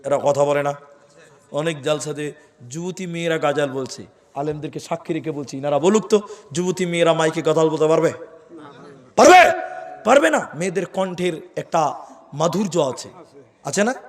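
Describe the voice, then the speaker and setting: A man's voice: a little high, moderate pace, darkish tone. A man with an Assamese Bengali accent preaching a sermon at a religious gathering, chanting verses in a sing-song melody and speaking through a stage microphone. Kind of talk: sung and spoken Islamic sermon. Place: large outdoor or hall religious gathering. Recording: echoey hall with reverb, music behind.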